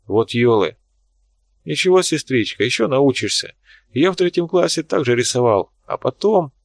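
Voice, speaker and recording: A man reading an audiobook, voicing a brash, blunt young man with a gruff, slangy way of talking. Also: medium pitch, expressive, normal speed, no room sound.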